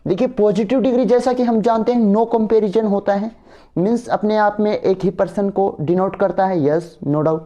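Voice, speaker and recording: Male grammar tutor, dark mellow voice, keeps asking "right?". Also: high-pitched, normal speed, muffled recording. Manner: asks students for agreement, repeats words. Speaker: teacher. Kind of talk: exam grammar lecture.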